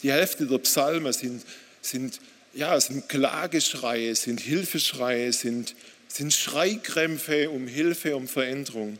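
A man's voice: medium pitch, slow pace, fairly bright tone. A man preaching a sermon, speaking straight to the listener with questions and reading quoted passages with growing intensity. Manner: direct, addresses listener with questions; reads quotes aloud with rising intensity. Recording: long hall reverb.

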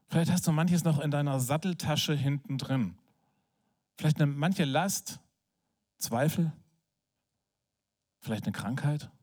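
A man preaching in a conversational, animated way, telling a personal story with filler words, then praying softly. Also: a little high. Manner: soft, hushed prayer. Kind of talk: sermon with personal story and prayer.

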